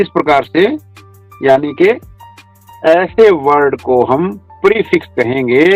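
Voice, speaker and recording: Slow-spoken male teacher explaining patiently. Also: fairly high pitch, poor audio. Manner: slow, repeats examples, mixes English terms into explanations. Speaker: English teacher. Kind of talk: online classroom lesson.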